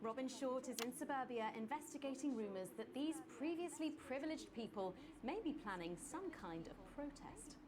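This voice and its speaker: An actress playing a teasing, polished British television news co-anchor. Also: female voice, sits high, animated, normal speed, few pauses, a crowd in the background. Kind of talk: comedy news presenting.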